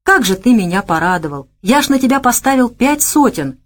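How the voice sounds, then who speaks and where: Woman reading middle-aged male general, hearty, effusive, animated pitch. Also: fairly quick. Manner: warm, effusive.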